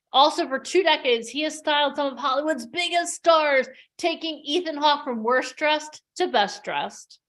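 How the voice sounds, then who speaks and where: A woman's voice: high voice, fairly bright tone. A woman hosting a livestreamed workshop over a video call, upbeat, chatty and playful. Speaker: host.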